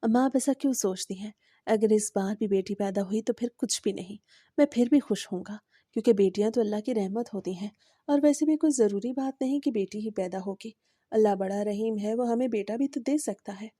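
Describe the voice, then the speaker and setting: A woman reading the lines of a calm, devoted young husband and son, gentle and patient. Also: mid-range voice, dry recording, studio quality, lightly acted. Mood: reassuring.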